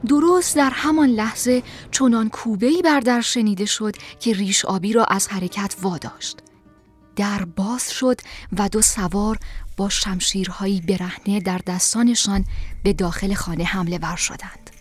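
A woman's voice: mid-range voice, breathy edge, faint music behind. Woman narrating a storybook.

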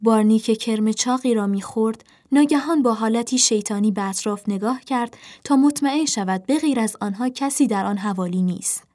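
Soft-spoken woman reading a storybook. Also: on the high side. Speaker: narrator. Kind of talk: storybook narration.

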